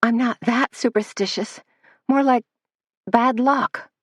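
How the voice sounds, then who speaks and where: A woman with a slightly rough voice reads slowly the lines of a flustered young female assistant, her voice raised and higher pitched. She sounds breathless, words tumbling out, in a dry recording.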